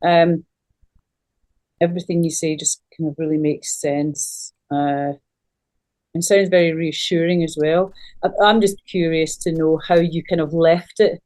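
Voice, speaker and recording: A woman in an online group who asks questions on a video call in a warm, hesitant way. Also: low-pitched, fairly even intonation, a little slow. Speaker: group participant. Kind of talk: casual online group discussion.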